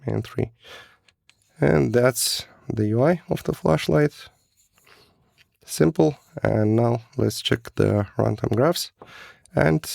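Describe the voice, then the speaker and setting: Slow, gravelly man reviewing gear. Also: medium pitch, darkish tone, no room sound, studio quality. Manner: hesitant, halting, non-native phrasing. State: sick, rough voice. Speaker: flashlight reviewer. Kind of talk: casual product review.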